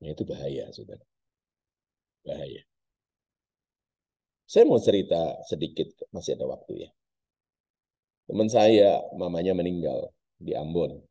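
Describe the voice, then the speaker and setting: A male pastor delivering a sermon as a dramatic storyteller, speaking straight to his congregation. His voice is low and husky, and it leaps up and down widely as he builds tension. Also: expressive, measured pace, pauses often, warm tone. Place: church service.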